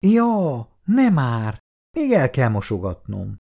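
A man reading an audiobook voices a young woman with a raised, lilting pitch and a teasing, slightly pouty way of talking. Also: wildly swooping pitch, creaky, dark tone, heavily acted. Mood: affectionate. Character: young woman, affectionate, easily piqued partner.

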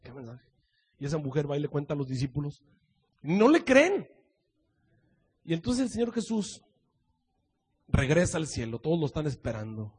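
A male preacher telling a sermon story dramatically, swinging from loud proclamations to hushed asides. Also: a little high, very animated, normal speed, long pauses, breathy edge.

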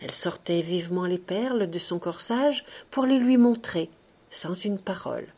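A woman narrating a classic novel in a measured, expressive reading voice. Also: fairly low pitch. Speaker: audiobook reader.

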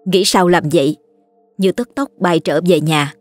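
A woman with a Southern Vietnamese accent narrating a ghost story in a steady, plain way. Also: on the low side, measured pace, no echo, soft background music.

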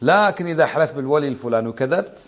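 A man teaches a religious lesson, his voice sitting a little high. He talks fast and conversationally, often stopping to quiz his listeners with rhetorical questions. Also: lively intonation. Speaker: Islamic scholar teaching a book.

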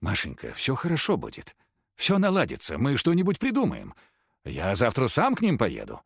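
A man voicing a frail, meek old husband with a hoarse, low, quiet voice. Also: huge pitch swings, moderate pace, no echo, studio quality, heavily acted. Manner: quiet, timid, pleading.

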